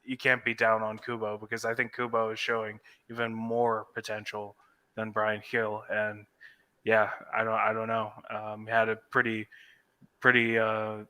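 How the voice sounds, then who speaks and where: A man's voice: on the low side, completely flat delivery, moderate pace, sharp tone. A man co-hosting a podcast, giving thoughtful, analytical takes in casual football chat. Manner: thoughtful, analytical, lots of restarts. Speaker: podcast co-host.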